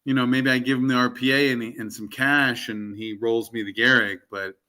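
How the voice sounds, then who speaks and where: A man co-hosting a laid-back round-table chat. His tone is bright and forward. He rambles, fills gaps with ums, and wanders into asides. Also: mid-range voice, fairly even intonation, moderate pace. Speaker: co-host of a collecting round table. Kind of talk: casual chat.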